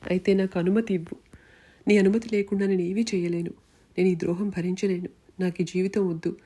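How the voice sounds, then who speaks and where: A woman's voice: on the low side, little pitch movement, brisk, mellow, natural voice. A woman voicing a grief-stricken young wife who pleads in a tearful, despairing way, in a storybook reading.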